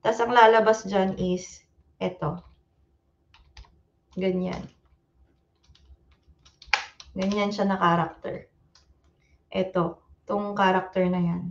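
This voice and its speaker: A woman's voice: mid-range voice, fairly even intonation, slow, long pauses, muffled recording, a little hiss or hum. A woman with a Filipino accent teaching a casual livestreamed exam review, mixing Tagalog and English and repeating fillers like "ayan" and "okay". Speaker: Japanese language teacher.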